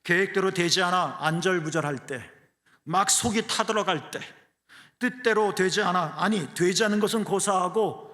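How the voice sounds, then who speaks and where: A male pastor preaching a sermon, earnest, dropping to hushed low phrases and then rising to emphatic ones. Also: moderate pace. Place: church sanctuary. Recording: long church hall reverb.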